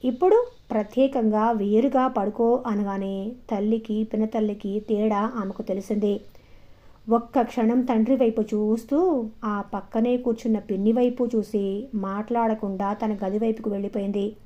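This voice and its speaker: A woman storyteller reading a short story aloud in a calm, measured way, in a dull, lo-fi recording. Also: on the high side. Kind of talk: audiobook story narration. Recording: dull lo-fi audio.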